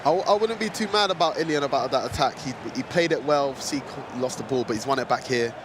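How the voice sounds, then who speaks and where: Analytical male co-commentator, faint background noise. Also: medium pitch. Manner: analytical, measured, stumbles on words. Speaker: esports co-commentator. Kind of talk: live esports color commentary.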